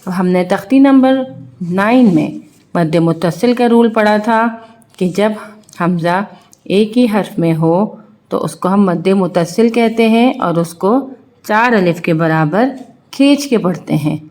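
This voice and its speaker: Female tutor, children's reading lesson, unhurried, sounds out each syllable, mid-pitched. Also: darkish tone. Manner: spells out letters slowly, then explains rules quickly. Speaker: Quran reading teacher.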